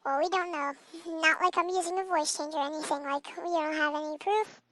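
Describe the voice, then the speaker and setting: A squeaky little kid's voice from a pitch-up voice changer, put on by a man. It sits extremely high and sounds bright and tight, close and dry with no room around it. He plays it teasing and mock-innocent. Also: fairly even intonation, brisk, dry recording. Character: squeaky little kid, cheeky and coy. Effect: voice changer pitching the voice up to a squeaky kid tone. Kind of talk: casual gaming vlog aside.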